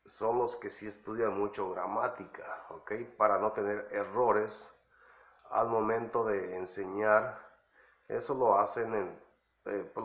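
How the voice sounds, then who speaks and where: A man teaching English phrases in a slow, explanatory lesson, repeating each phrase with frequent fillers. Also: fairly low pitch. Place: in the United States. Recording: echoey room, slightly dull.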